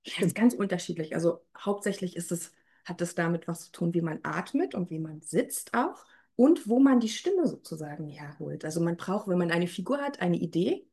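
A woman's voice: on the low side, lively intonation, normal speed, warm tone, husky. A woman who edits audiobooks, explaining her craft thoughtfully in an interview. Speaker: audiobook editor.

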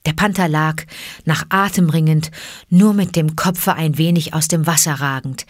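A woman reads a storybook aloud in a calm, measured and expressive voice. Her voice sits somewhat low for a woman. The recording is dry and close, with no room sound. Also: dry recording. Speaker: audiobook narrator. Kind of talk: storybook narration.

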